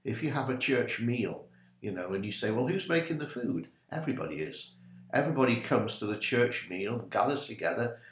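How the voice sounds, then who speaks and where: This older minister's mid-range voice moves briskly through a reverberant space. He's improvising an informal teaching talk to camera from a small home study, animated and gesturing with both hands.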